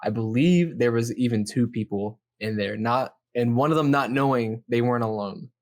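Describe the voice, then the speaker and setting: With a darkish tone and a mid-range voice at moderate pace, this podcast host walks through a horror series. It's a casual chat where he reacts to videos, explaining things hesitantly and with plenty of rambling.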